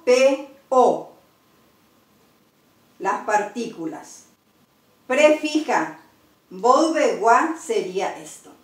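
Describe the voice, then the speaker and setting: A woman teaches in a high voice, unhurried and deliberate, pausing to spell out each word. She sits back from the mic, and the room around her rings with a roomy echo. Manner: slow, deliberate, spelling out words. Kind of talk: Guarani grammar lesson. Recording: roomy, from a distance.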